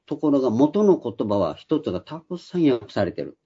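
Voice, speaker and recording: A man's voice: mid-range voice, big pitch swings, fairly quick, mellow, breathy edge. An older man giving a Bible study lecture, explaining patiently with frequent hesitant fillers, in a dull lo-fi recording. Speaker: Bible teacher.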